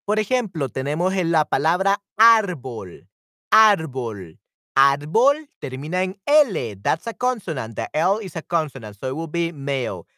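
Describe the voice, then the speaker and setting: A man leads a live Spanish grammar lesson, calling out viewers by name and switching to English to explain. He talks at an unhurried pace and stretches out example words. His pitch swings widely, and the close mic gives a dry sound. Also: big pitch swings, pushed and bright, no room sound. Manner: upbeat, reacts to viewers' comments by name. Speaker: Spanish teacher.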